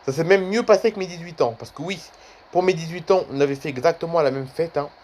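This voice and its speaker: A man's voice: on the high side, fast talker, a little mellow, a little hiss or hum. Rambling young man, casual vlog. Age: 20s. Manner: rambling, repeats himself often. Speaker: YouTuber.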